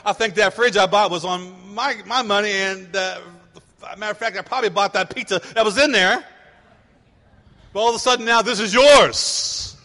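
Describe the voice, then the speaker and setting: A man's voice: high-pitched, a little fast, long pauses, long reverb tail. A middle-aged man preaching a sermon as pastor, telling stories and acting out his kids' voices. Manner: animated storytelling, acting out voices of kids.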